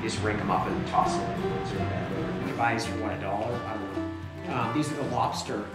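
A man's voice: lowish voice, fast, loud music behind the voice, poor audio. A young man leading a foraging class, talking casually and laughing often. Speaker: foraging instructor. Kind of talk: outdoor teaching walk. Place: forest outdoors, then wooden lodge hall.

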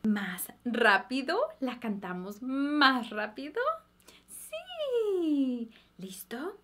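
A woman's voice: high-pitched, sing-song, very slow, fairly bright tone. A woman teaching Spanish words to babies and toddlers, with bouncy, giggly baby talk and playful animal sounds. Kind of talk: slow, sing-song teaching for babies.

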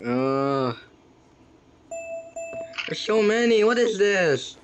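A man's voice: high-pitched, sing-song, extremely slow. A young man chatting casually while playing a video game with a friend, often puzzled and exclaiming at what he sees. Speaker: gamer. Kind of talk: casual gameplay chat. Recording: faint background noise.

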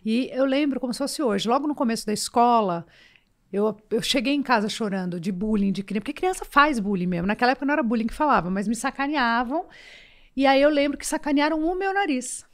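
A woman's voice: fairly high pitch, animated, a little fast. A woman in her fifties from Brazil with a São Paulo accent, a guest telling stories frankly and with animation in a casual podcast interview. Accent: São Paulo Portuguese.

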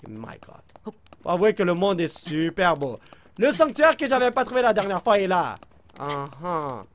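A man with a Québécois French accent giving excitable gameplay commentary, reacting loudly and talking straight to his viewers with English exclamations mixed in. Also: high voice, normal speed. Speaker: let's play host.

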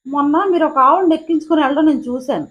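High-voiced defiant wife in a skit. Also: female voice, racing, muffled recording. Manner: defiant and possessive, drops to a low threatening tone. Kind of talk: scripted comedy sketch.

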